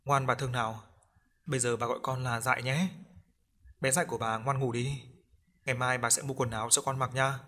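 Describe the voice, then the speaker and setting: A man voicing a devout grandmother who coaxes gently and speaks politely. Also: mid-range voice, little pitch movement, a little fast, long pauses, natural voice. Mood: soothing. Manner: soft coaxing, polite.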